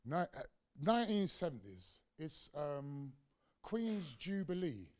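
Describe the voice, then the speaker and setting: A middle-aged man tells stories as a guest lecturer, his voice warm and mellow and swinging widely in pitch. He talks conversationally with casual fillers and acts out the voices he quotes. The sound is close and dry. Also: big pitch swings, takes it slowly, dry recording. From England. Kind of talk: storytelling lecture.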